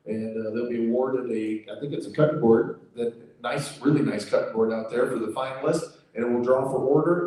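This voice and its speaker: A man's voice: mid-range voice, warm tone. An American man giving an informal spoken briefing as an event organizer, in a folksy, reassuring and repetitive manner. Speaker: auctioneer contest organizer. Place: livestock sale arena. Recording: very echoey hall, distant PA sound.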